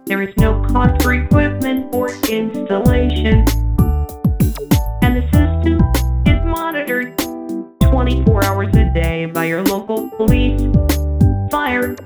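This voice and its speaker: A woman's recorded telemarketing message, chopped and spliced together words into a new sequence, delivered as a flat, polite automated phone prompt. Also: on the high side, slow pace, pauses often. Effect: spliced together words, chopped and re-edited sample. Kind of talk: recorded robocall announcement. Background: loud hip hop beat with guitar.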